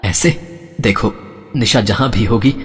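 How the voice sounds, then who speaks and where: Voicing a caring father in a cartoon story, a man gently coaxes and reassures his daughters. His voice is on the low side and a little slow. The recording is reverberant, with soft background music.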